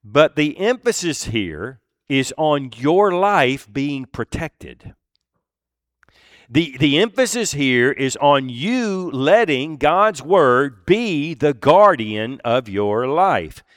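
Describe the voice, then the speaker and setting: A man delivers a sermon in an earnest, deliberate way. His unhurried delivery leans on pauses and repeated words for emphasis. His fairly high voice swings widely in pitch and sounds dry and close, with no room echo. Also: sing-song. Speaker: pastor.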